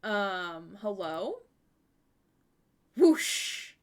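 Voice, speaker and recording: A woman in her twenties chats casually on a livestream, giggling often and joking at her own expense. Her mid-range voice swings widely in pitch, and she speaks very slowly.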